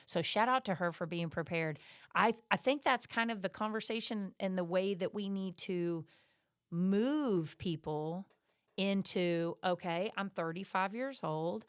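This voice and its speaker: A woman's voice: medium pitch, unhurried, clean tone, no echo, clean studio sound. A middle-aged woman co-hosting a podcast, talking in a chatty, emphatic way. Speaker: podcast co-host. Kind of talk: casual podcast chat.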